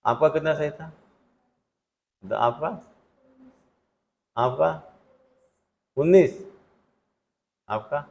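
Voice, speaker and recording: A man's voice: a little high, extremely slow, creaky, long pauses, darkish tone. A male teacher going through test answers with students in a classroom, conversational and full of questions to them. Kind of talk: classroom test solution lecture.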